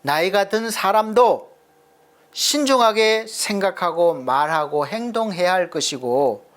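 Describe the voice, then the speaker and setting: A middle-aged male pastor preaching a sermon earnestly, asking rhetorical questions and slowing down to stress his points. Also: high-pitched, lively intonation, a bit bright.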